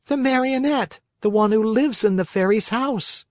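A reader voicing an impatient young wooden puppet boy in a storybook, high and loud. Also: moderate pace, no room sound, studio quality, close to an everyday voice. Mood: eager. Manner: pleading, rising to rage. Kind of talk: storybook character voice.

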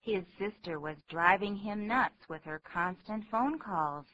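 Woman, radio English co-host, mid pitch, careful clear reading, dull lo-fi recording. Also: animated, unhurried, fairly bright tone, slight background noise. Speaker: English co-host, model reader. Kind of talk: bilingual radio English lesson.

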